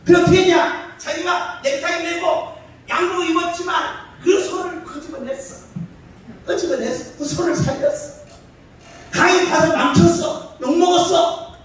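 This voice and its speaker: Preaching in a church sanctuary at a moderate pace, a male pastor keeps his extremely high voice steady in tone. He questions the congregation and supplies the answers himself, captured from a distance in an echoey hall.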